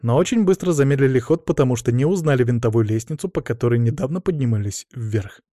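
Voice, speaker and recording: A man's voice: mid-range voice, expressive, quick pace, mellow, dry recording. A man narrating a first-person fantasy audiobook in a wry, ironic manner, read close to the mic.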